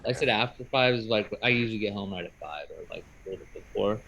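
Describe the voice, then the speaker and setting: A man's voice: fairly low pitch, very fast, gravelly, pushed and bright, muffled recording. A man who does magic, talking casually and rambling upbeat on a video call. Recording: faint noise on a video call.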